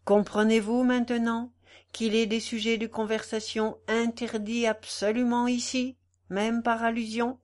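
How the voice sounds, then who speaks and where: Old man, devout, gentle, solemn, earnest, read by a woman, audiobook. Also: a little high, little pitch movement, measured pace, close to an everyday voice. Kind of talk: audiobook reading.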